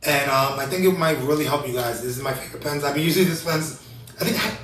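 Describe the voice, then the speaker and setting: A man in his thirties hosting a casual talk show, energetic and rambling, often restarting his sentences. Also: fairly high pitch, quick pace, echoey room, distant mic, noisy background. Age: 30s. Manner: energetic, rambling, self-correcting. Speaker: host.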